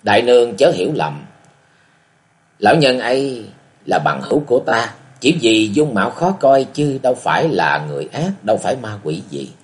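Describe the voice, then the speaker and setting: A man's voice: mid-range voice, big pitch swings, normal speed, natural voice. A man reading a martial-arts audiobook, voicing a stern young male swordsman hero who speaks coldly and commands. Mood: earnest. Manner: cold, commanding. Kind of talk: audiobook character voice.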